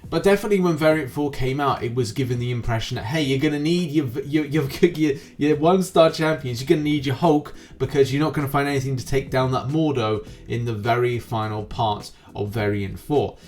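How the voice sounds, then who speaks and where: This gaming news host on YouTube rambles wordily through semi-scripted commentary in a presenter's manner. He talks briskly at a medium pitch with a darkish tone and hardly any pauses, backed by music.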